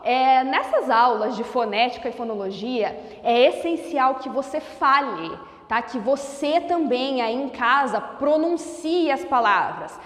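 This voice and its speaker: A woman teacher with a high, lively voice walks through a whiteboard lesson, stretching words out slowly and carefully. She talks at an unhurried pace. The room rings with echo and a long reverb tail. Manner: slow, deliberate over-enunciation of sounds. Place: classroom with a whiteboard.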